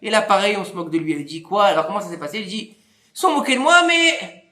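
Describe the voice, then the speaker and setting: Brief: bright, high-voiced rabbi, lively storyteller, echoey room. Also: male voice, rapid-fire. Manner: animated, acts out dialogue with big pitch swings. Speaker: rabbi teaching a Torah class. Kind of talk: lively storytelling Torah lesson.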